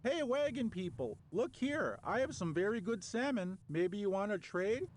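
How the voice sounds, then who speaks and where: An actor playing an earnest boy trader in a computer game, with a breathy, wheezy voice and stilted delivery. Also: high voice, sing-song, normal speed, slight background noise. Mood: eager, earnest. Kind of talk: scripted game character dialogue.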